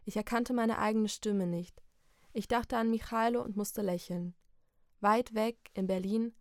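A woman narrating a first-person story in a measured, reflective reading voice. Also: medium pitch, darkish tone, dry recording, studio quality. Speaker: audiobook narrator.

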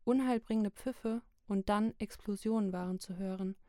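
A woman narrating a literary book chapter in a slow, measured, even reading. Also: medium pitch, no echo, studio quality. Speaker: audiobook narrator.

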